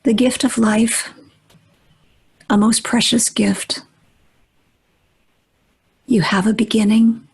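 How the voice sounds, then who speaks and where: Leading a guided meditation, a woman speaks in a fairly high, steady voice that is breathy and husky, often nearly whispered. Her delivery is gentle and deliberate, with long pauses.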